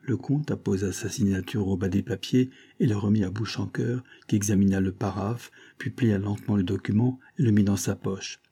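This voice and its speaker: Dark-voiced male audiobook narrator. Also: lowish voice, steady tone, moderate pace, few pauses, husky. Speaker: audiobook reader. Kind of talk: scripted narration.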